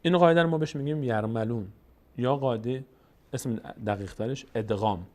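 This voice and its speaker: Man, Tajik accent, calm recitation teacher, middle voice, repeats and stretches sounds. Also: mid-range voice. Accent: Tajik-accented Persian. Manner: patient, repeats letters and drawn-out sounds for practice. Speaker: Quran reading teacher. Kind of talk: step-by-step recitation lesson.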